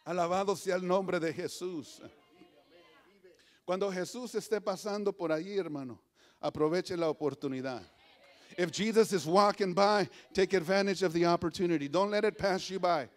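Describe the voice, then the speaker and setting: A male pastor preaching a fiery sermon, dropping to a hush and then rising to shouts and half-sung cadences. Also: sits high.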